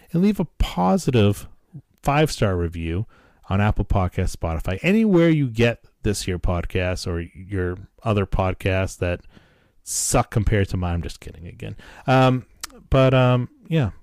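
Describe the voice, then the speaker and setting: Low-voiced, joking male podcast host. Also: darkish tone, no echo, clean studio sound. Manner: self-deprecating, joking, profane. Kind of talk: casual podcast chat. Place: wood-paneled home basement.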